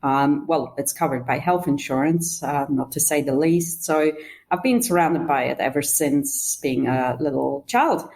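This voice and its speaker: A woman's voice: low-pitched, unhurried, creaky, a little mellow, poor audio. A woman from Switzerland, giving an earnest casual testimonial and sometimes searching for her words. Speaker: podcast guest giving a testimonial.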